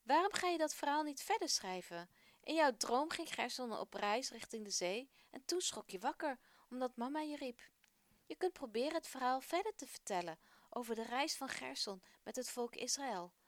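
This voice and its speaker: A woman voicing a kind, patient father who speaks to his son with gentle, encouraging questions in a children's radio story. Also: high-pitched, lively intonation, normal speed, no echo.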